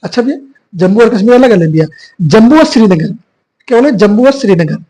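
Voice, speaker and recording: A hoarse man, a little husky from a cough, teaches a geography lesson at a whiteboard. He repeats each point and keeps quizzing his students as he goes. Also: sits high, lively intonation, fast talker, dark tone, poor audio. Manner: repetitive, quizzing students with filler 'bhaiya'. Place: classroom with whiteboard.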